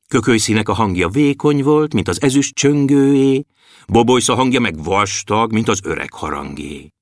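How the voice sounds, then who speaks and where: A man reading a children's story aloud with animated, expressive narration. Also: lowish voice, no echo, clean studio sound.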